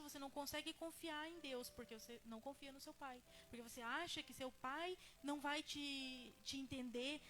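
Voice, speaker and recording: A woman's voice: sits high, a bit bright. A young Brazilian woman preaching in an informal, earnest way, sharing her own story with frequent fillers and restarts. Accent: Brazilian Portuguese. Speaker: preacher at a church ministry. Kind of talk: conversational sermon with personal testimony.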